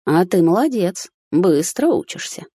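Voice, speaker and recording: A woman voicing a sly, mocking older man who talks slowly and teasingly, in a first-person audiobook. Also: deep voice, lively intonation, darkish tone, no echo, studio quality. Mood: coaxing. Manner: slow, drawling, teasing.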